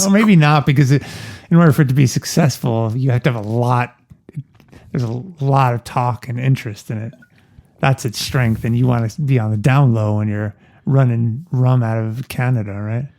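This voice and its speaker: A man co-hosting a film podcast in casual chat, jokey and quick to laugh, with halting restarts. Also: mid-range voice, warm tone. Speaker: podcast co-host.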